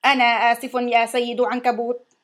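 A woman's voice: a little high, fairly quick, lightly acted. A woman doing a garbling talking machine. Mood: mimicking. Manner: flat mimicking repetitions. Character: mischievous female talking machine, garbles words.

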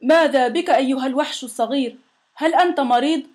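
A woman's voice: sits high, fast talker, natural voice. A woman voicing a big, sulky, sick male monster in a storybook reading, whiny and complaining. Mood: caring, boastful. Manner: whiny and complaining, loud when shouting demands.

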